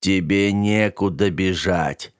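A man voicing a slimy, gurgling mud villain who draws out his words and shouts. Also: deep voice, no room sound, studio quality. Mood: menacing whiny. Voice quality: gurgling, drawn-out.

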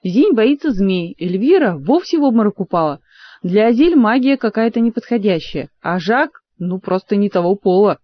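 A woman's voice: mid-range voice, animated, moderate pace, highs cut off, close to an everyday voice. A woman reading aloud and voicing a blunt, gloomy prince-warrior.

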